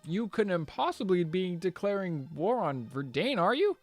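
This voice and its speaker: Lofty noble knight from a video game, high and loud, probing, as a streamer puts him on. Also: male voice, very animated, measured pace, dry recording, full character voice. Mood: suspicious. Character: haughty noble knight, male, questioning. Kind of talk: reading game dialogue aloud.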